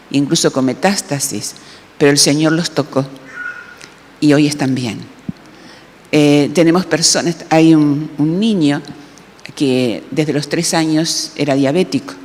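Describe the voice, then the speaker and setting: A woman's voice: sits low, unhurried, darkish tone. A woman giving a sermon-style health talk to a church congregation, often asking the audience rhetorical questions. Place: church hall. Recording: long church-hall reverb.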